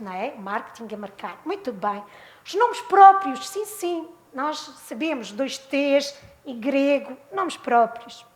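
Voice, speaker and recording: A woman with a European Portuguese accent gives a lecture on spelling. Her voice sits high, and she keeps it lively with rhetorical questions. The sound carries a roomy echo. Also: slight background noise. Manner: animated, asks rhetorical questions. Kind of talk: illustrated talk on spelling.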